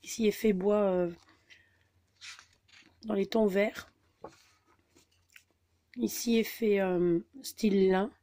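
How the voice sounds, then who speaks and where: A woman's voice: mid-range voice, fairly even intonation, takes it slowly, long pauses, mellow. A woman, talking casually through a scrapbooking haul, hesitant with many fillers. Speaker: scrapbooking vlogger.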